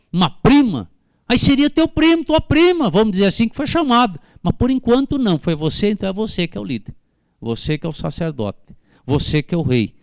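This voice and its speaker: A man's voice: sits high, clean tone, no room sound. A man with a Brazilian Portuguese accent preaching a sermon at a church service, fervently putting questions to the congregation by name. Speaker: pastor.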